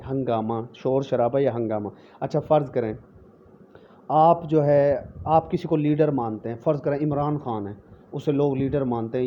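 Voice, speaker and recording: A man teaching English vocabulary in a recorded lecture, explaining each word slowly with many repetitions and frequent check-ins. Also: a little high. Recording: dull lo-fi lecture recording with faint noise.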